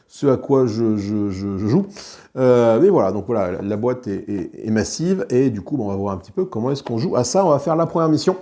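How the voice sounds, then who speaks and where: A man talks through a solo board game session in a relaxed, chatty way, often trailing off into hesitations and joking at his own expense. His voice is mellow and dark, sitting at an ordinary middle pitch. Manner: chatty and self-mocking, with many hesitations. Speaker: board game video host. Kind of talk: casual solo playthrough commentary.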